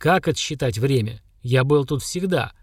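A man voicing an ancient, simple-minded lake monster, speaking in slow, blunt, flat statements. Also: mid-range voice, slightly rough, dry recording, clean studio sound. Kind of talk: audiobook character voice.

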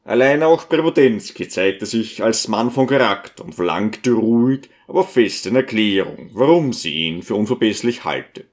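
A man reading a novel aloud as an audiobook, with expressive storytelling. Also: fairly low pitch, moderate pace, few pauses. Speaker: audiobook reader. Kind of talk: scripted audiobook narration.

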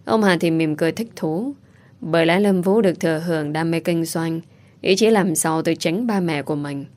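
A woman narrating a family story in a calm, even storytelling voice. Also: low-pitched, moderate pace.

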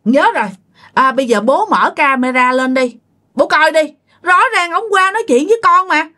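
A woman puts on a child pressing a parent to look at the camera footage. The voice is lifted high and pushy. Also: normal speed, a bit bright, slightly rough. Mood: insistent. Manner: insistent. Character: insistent child urging a parent to check the camera.

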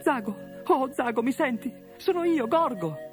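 A man's voice: very high voice, lively intonation, normal speed, voice pushed up. A man voicing a brave young male orc who speaks in an eager, urgent way, in a storybook reading over music. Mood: earnest.

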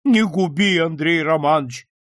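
A man's voice: high voice, big pitch swings, unhurried, fairly bright tone, no echo, studio quality, pitched above the performer's own voice, full character voice. A man reading an audiobook, voicing a desperate male merchant who begs and wails for mercy. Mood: begging. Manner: wailing, begging.

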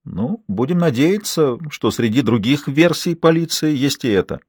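A man's voice: mid-range voice, expressive, darkish tone, slightly rough, no echo, studio quality, voice pushed up. A man doing a tired woman colleague. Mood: weary. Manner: weary, unhurried. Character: tired female newspaper colleague.

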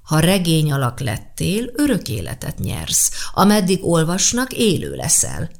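A gentle, wry old man who runs a bookshop, as a woman reads him, with a deep, unhurried and measured voice. He sounds calm and patient in this audiobook. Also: vocal fry, heavily acted.

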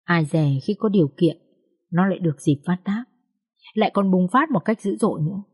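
A woman's voice: fairly low pitch, brisk, husky. A woman narrating a social drama audiobook expressively, commenting on the characters as she reads.

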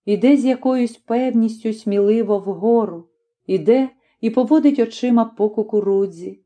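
A woman reading a classic story aloud as an audiobook narrator, in a measured and expressive way. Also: fairly high pitch.

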